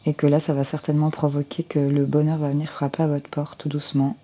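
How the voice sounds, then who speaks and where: Low, flat-voiced woman reading tarot. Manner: unhurried, hesitant, frequent fillers and restarts. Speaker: tarot card reader. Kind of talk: general tarot reading for viewers. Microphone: headset with a close mic.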